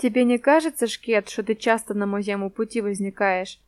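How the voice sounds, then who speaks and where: A woman's voice: mid-range voice, steady tone, brisk, clean tone, no echo, close to an everyday voice. A woman voicing a swaggering teenage male street thug who taunts in crude slang, in a storybook reading. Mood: mocking.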